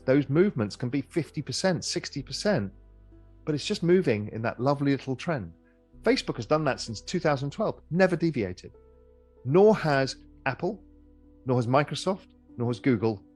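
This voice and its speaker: A middle-aged man answering as an interview guest in a relaxed conversational way, with frequent repeats and restarts. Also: medium pitch.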